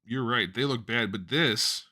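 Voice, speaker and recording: A man hosting a casual live show, talking bluntly and laughing often. His voice is bright and forward, with a middling pitch. He thinks aloud with fillers as he chats. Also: a little slow. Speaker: host. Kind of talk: casual live-stream chat.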